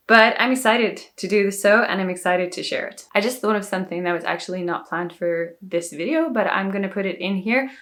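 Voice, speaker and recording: In a casual talking-to-camera vlog, a woman walks viewers through things step by step. She's from South Africa, her accent tinged with a Dubai lilt, and her voice is on the low side with a fairly bright tone.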